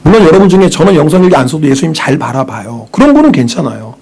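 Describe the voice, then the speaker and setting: A male pastor preaching a sermon in an animated way, questioning the congregation and answering himself, sometimes dropping to a whisper. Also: a little high, racing, gravelly, husky. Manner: drops to a whisper for inner thoughts.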